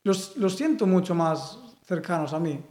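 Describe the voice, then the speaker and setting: A man's voice: high voice, measured pace, echoey room. A young Galician man with a Galician Spanish accent, giving a casual interview and rambling with lots of fillers. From Galicia, Spain. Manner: relaxed, rambling, many fillers. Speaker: interviewee, sculptor.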